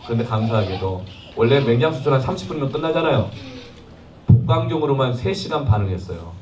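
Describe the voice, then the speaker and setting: A man's voice: mid-range voice, expressive, fast, a little mellow. A man, a pastor, preaching a sermon and telling a personal story with quoted dialogue. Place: temporary worship hall in a school. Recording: echoey hall, mic at a distance, faint ambience.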